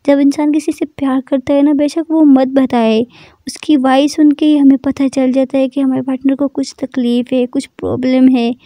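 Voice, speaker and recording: A woman narrating a love story in an unhurried, repetitive storytelling manner. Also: high-pitched, little pitch movement, dark tone, no room sound.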